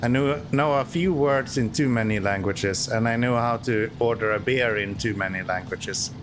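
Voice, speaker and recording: A man from Sweden with a Swedish accent and Swedish as his first language chats while playing a driving game on stream, joking, sarcastic and self-mocking. His mid-range voice moves at a normal speed over background noise.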